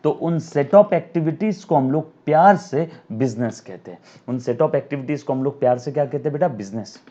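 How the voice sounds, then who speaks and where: A man giving an accounting lecture to camera, dictating definitions slowly, repeating words, and addressing students as his children with frequent "yes or no?" checks. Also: mid-range voice, expressive, dark tone, highs cut off. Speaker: accounting teacher. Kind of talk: recorded video lecture. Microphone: camera mic.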